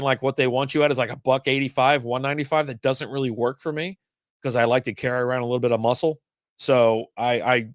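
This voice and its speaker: A man's voice: medium pitch, a bit bright, dry recording, studio quality. A middle-aged man hosting a casual livestream chat, rambling along with slang and easy swearing. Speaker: livestream host.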